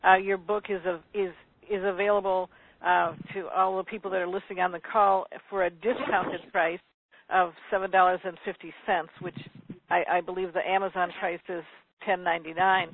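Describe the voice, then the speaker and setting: High-voiced man hosting a phone call. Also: little pitch movement, noisy background. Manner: careful and deliberate, spelling things out slowly. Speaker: call host. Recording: tinny phone line.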